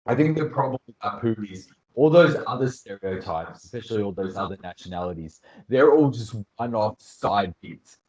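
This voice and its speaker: A man with a fairly low voice co-hosts a casual podcast chat. He is opinionated and talks in long, rambling runs full of fillers. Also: animated, normal speed, hardly any pauses, a little mellow, poor audio. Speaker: podcast co-host.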